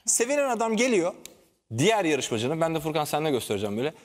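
A man's voice: on the high side, very animated, racing, big-room sound. Insistent man arguing on a panel. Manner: insistent, argumentative, explains with examples. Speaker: TV panel commentator. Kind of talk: heated panel debate.

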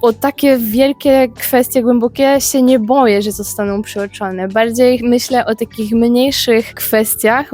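A young woman from Poland talks to her viewers in a bright, fairly high voice, telling stories with lively expression. Soft music plays faintly underneath. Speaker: vlogger. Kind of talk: casual talk to camera.

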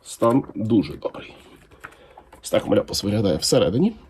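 A man's voice: lowish voice, a little hiss or hum. A man talking casually and enthusiastically as he unboxes comics for his channel. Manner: enthusiastic, unhurried, lively intonation.

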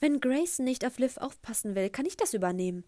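A woman's voice: high-pitched, big pitch swings, a little fast, mellow, dry recording, clean studio sound, pitched above the performer's own voice. A woman voicing a smug, haughty teenage schoolgirl with a prim tone. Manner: prim, self-satisfied tone.

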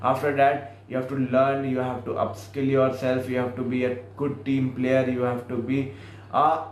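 Young Indian English man, casual career vlogger, rambles and repeats, mid-pitched voice, small echoey room with faint background hiss. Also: flat delivery, normal speed. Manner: rambling, repeats himself, mixes in Hindi phrases. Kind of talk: casual career advice monologue. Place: small office room with posters, indoors.

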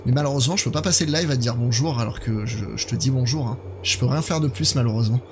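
A man in his thirties streams a horror game, talking casually to his viewers as he plays. His voice sits at an ordinary pitch for a man. Game ambience is clearly audible behind him. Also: quick pace, noisy background. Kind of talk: casual live gameplay commentary, chatting with viewers. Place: indoor gaming setup.

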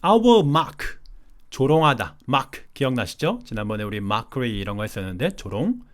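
A man with a Korean accent teaching English through Bible verses, reading the English slowly and carefully between brisk explanations. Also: mid-range voice, very animated. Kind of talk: spoken lesson.

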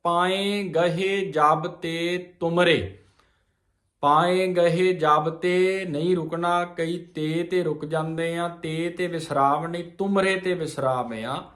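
Male scripture teacher, chants slowly then explains, fairly high voice, echoey room. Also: fairly even intonation, a bit bright. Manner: chants verses slowly, then explains pauses and pronunciation quickly. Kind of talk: recitation and pronunciation lesson.

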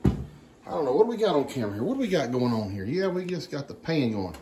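Fast and warm, with a mid-range voice that swings widely in pitch, a man hosts a laid-back home cooking video, bantering playfully and using pet names. A camera on the counter a few feet away captures him in an indoor home kitchen that sounds roomy, with some noise in the background.

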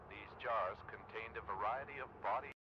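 An actor playing a male radio news reporter, reading a formal broadcast in a measured newsreader delivery, heard as an in-game radio broadcast. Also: on the low side, dull audio, slight background noise, close to an everyday voice. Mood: grave.

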